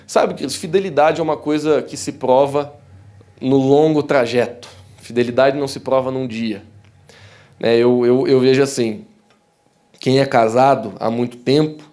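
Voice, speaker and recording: A young Brazilian man with a southern Brazilian accent, preaching a sermon in a church in a warm, conversational way, often calling the congregation "dear ones" and acting out the voices in his stories. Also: medium pitch. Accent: southern Brazilian Portuguese. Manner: animated storytelling that acts out quoted voices. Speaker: pastor. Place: church hall.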